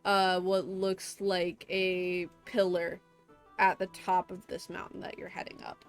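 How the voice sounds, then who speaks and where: A woman narrating a tabletop game as game master, slow and halting with fillers. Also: fairly low pitch, flat delivery, faint music behind.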